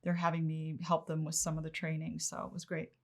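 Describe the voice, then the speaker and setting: A soft-spoken, tired woman chatting casually as co-host on a livestream. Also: deep voice, monotone, brisk.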